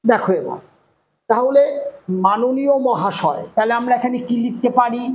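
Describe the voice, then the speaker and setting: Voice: medium pitch, animated, moderate pace, dull audio, a little hiss or hum. A teacher explaining a grammar lesson to students step by step, often checking that they follow. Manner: drills step by step, often asks "clear?".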